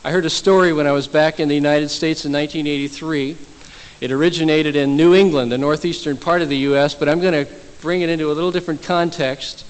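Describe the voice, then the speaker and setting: A man's voice: a little high, clear, resonant tone. A male pastor preaching a sermon in a church, telling stories with humor. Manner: storytelling, humorous. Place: church in Hong Kong. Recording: echoey church hall, faint tape hiss.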